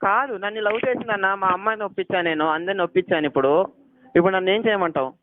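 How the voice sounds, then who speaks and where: A young man argues on a phone line and pleads his case. His voice sits high and the words tumble out quickly. The call sounds tinny and dry. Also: a little hiss or hum. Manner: pleading, accusing, repeating questions. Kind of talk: heated phone argument.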